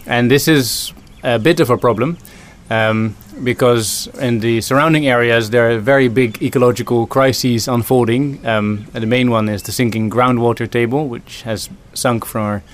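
A Dutch man who works as a food system consultant answers interview questions with thought and care. His pitch is medium, and he often says um and restarts his sentences.

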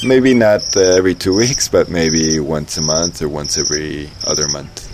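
A man's voice: extremely low pitch, steady tone, moderate pace. A man from Ecuador being interviewed, speaking thoughtfully with many fillers and restarts. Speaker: interviewee, engineer and dance teacher. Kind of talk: casual interview. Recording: outdoor noise with loud crickets. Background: loud crickets and insects.

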